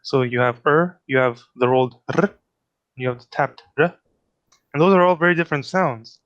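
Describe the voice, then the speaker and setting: A man's voice: medium pitch, quick pace, muffled recording. Man thinking aloud while explaining. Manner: thinks aloud, self-correcting. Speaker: linguistics presenter. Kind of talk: casual explanatory talk.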